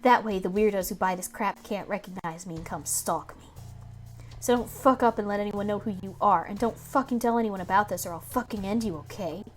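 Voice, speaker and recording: A woman's voice: medium pitch, a little fast, faint music behind, natural voice. A woman voicing a brash, foul-mouthed young woman who deals in shady books and bosses her friend around. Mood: threatening. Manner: blunt, swearing, bossy.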